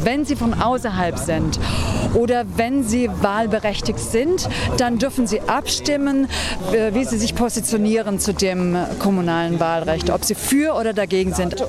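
Earnest woman organizer, crowd around her. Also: medium pitch. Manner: earnest, explanatory, hesitant fillers. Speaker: campaign organizer. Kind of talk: street interview. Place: outdoors in front of a theater. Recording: busy outdoor street crowd. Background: crowd chatter.

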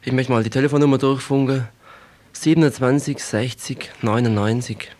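A musician appears as a guest on an unscripted radio interview, answering thoughtfully at length but haltingly, with hesitant phrasing. His voice is medium-pitched, slightly mellow and fairly even in intonation.

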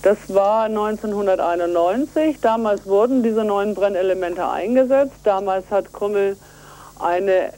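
On a telephone call to a radio show, a woman environmental activist is interviewed, explaining things step by step in an earnest, emphatic way. Her mid-range voice is warm in tone and a little slow.

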